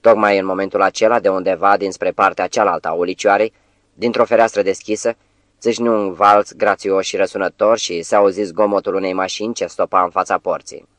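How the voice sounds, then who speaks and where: A man reading an audiobook as scripted narration, measured, with phrase ends that soften and trail off. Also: deep voice, fairly even intonation, no room sound.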